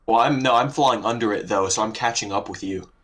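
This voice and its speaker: A man's voice: lowish voice, brisk, a bit bright, slightly rough. A man in casual chat over an online game, dry and matter-of-fact with a teasing streak. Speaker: gamer playing online with a friend.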